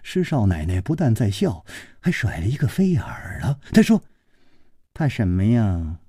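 A man narrating a story in a traditional storytelling style, with an expressive, dramatic, drawn-out delivery. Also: medium pitch, slightly rough, dry recording, studio quality.

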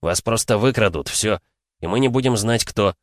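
A man's voice: lowish voice, moderate pace, no room sound, clean studio sound, natural voice. A man reading an audiobook, voicing a sly, pressing middle-aged investigator. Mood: insistent. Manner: persuasive, pressing. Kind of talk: audiobook character voice.

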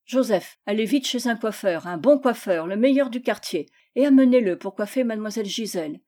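A woman voicing a doting, gruff aristocratic father who blusters in a storybook reading. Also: fairly high pitch, expressive, fairly quick, mellow. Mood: blustering. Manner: blustering, indulgent.

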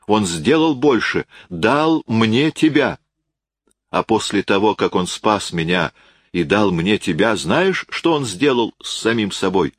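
A man's voice: sits low, animated, unhurried, dry recording, clean studio sound. A man reading an audiobook, voicing an impassioned, insistent young man who speaks in emphatic exclamations. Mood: passionate.

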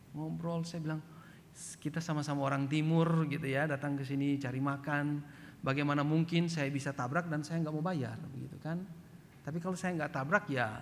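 A man from Flores in eastern Indonesia preaches in a church hall, telling a story with a voice pitched a little high. He acts out the quoted lines and keeps checking in with "gitu ya". A long reverb trails his words, with a faint low rumble underneath. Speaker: pastor. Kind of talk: sermon.

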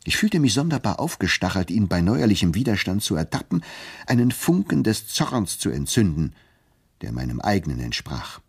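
A man narrating a literary reading of a novella in a measured, expressive, wry way. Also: low-pitched, creaky, husky.

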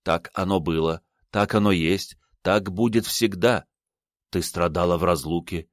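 An ardent, remorseful lover in a spoken novel, as a man with a very low voice reads him. His delivery is fervent and insistent, full of repeated vows. It is a dry, close recording. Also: measured pace, no echo. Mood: resolute.

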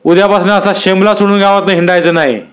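A man's voice: high-pitched, fairly even intonation, quick pace, clean tone, pitched above the performer's own voice, lightly acted. A male storyteller voicing a harsh, domineering village landlord who barks menacing orders and questions. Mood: commanding. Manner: bellowing, menacing interrogation. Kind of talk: dramatic storytelling.

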